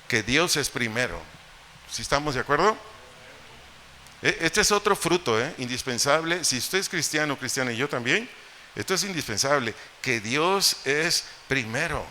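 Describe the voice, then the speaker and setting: A man's voice: medium pitch, lively intonation, moderate pace, pushed and bright. A man with a Mexican accent preaching a sermon as pastor, explaining scripture with rhetorical questions and humorous asides. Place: church hall. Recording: echoey church hall, faint noise.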